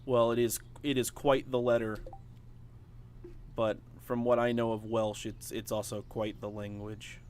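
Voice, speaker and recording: A man's voice: mid-range voice, level tone, a little slow, darkish tone, a little hiss or hum. A man streaming a farming game, chatting casually with viewers and using lots of fillers. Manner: chatty, talks to viewers while playing, many fillers. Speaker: gaming streamer. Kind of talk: casual let's play chat.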